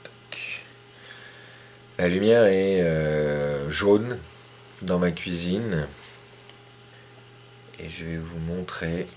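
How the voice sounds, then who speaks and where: A man calmly talking through a hands-on tutorial in his home kitchen, step by step, sometimes murmuring to himself as he works. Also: deep voice, very slow, long pauses, slight background noise. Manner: calm, step-by-step, talks to himself while working, drops to murmurs. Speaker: hobbyist astrophotographer.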